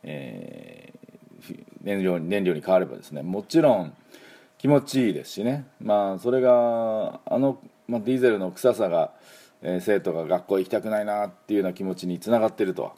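A middle-aged man hosts a laid-back English lesson in a low, husky voice. His tone is mellow, but his pitch swings widely as he rambles through asides. He leads listeners through repeat-after-me pronunciation drills. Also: fairly quick. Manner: relaxed, chatty, many fillers and asides. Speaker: English teacher and show host. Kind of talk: casual spoken English lesson.

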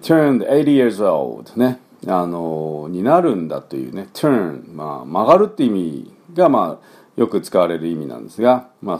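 A male English conversation teacher runs a pronunciation lesson in a relaxed, chatty style with a lilt. His fairly low voice swings up and down a lot as he slowly demonstrates sounds for learners to copy, full of fillers between the words.

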